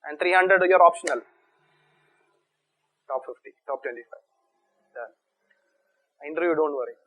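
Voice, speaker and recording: A man's voice: fairly high pitch, unhurried, pushed and bright, poor audio. A man with an Indian English accent giving a coaching lecture to students, speaking emphatically with repeated points and rhetorical questions. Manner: emphatic, repetitive, with rhetorical questions and check words. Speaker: exam coaching teacher.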